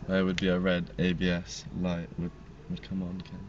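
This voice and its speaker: A man's voice: sits low, completely flat delivery, moderate pace. A man who is learning to drive, giving short, laid-back answers from inside a car. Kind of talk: casual chat. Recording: distant, dull, noisy car interior.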